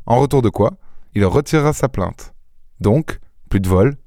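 A man reading a story aloud, voicing a suave, witty gentleman-thief who talks in a playful, ironic and airy way. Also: medium pitch, expressive, normal speed, no room sound, clean studio sound, close to an everyday voice. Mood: teasing. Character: suave witty male gentleman-thief, mocking and self-assured.

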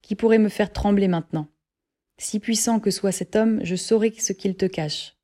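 A woman voicing a bold, fearless young male hero who speaks in a calm, assured way. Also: mid-range voice, moderate pace, close to an everyday voice.

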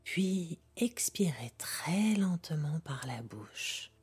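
A woman narrates a guided sleep meditation in the manner of a bedtime storyteller. Her voice is very deep for a woman and breathy, often sinking into a half-whisper. She speaks slowly and gently, leaving calm pauses between phrases. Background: music.

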